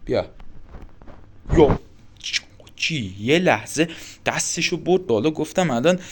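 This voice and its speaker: A young man commenting on a horror game as he plays it, joking and taunting in quick exclamations. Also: a little high, slight background noise. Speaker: gaming YouTuber.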